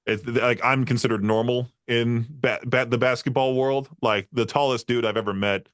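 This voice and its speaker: Medium in pitch, steady and fairly bright, this man talks at a normal speed while hosting a podcast. His style in the casual interview is rambling and story-heavy, with frequent fillers and laughs. No room sound; studio quality.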